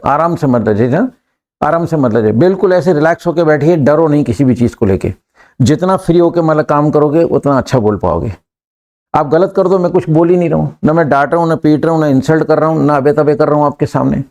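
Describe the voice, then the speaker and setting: A male English teacher with a slightly mellow voice on the high side works with his class, drilling them on sentences. He coaxes the students to answer and repeat after him.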